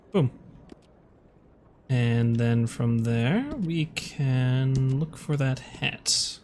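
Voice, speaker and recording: A man's voice: mid-range voice, a little hiss or hum. A man giving casual let's play commentary on a video game, musing aloud with playful asides.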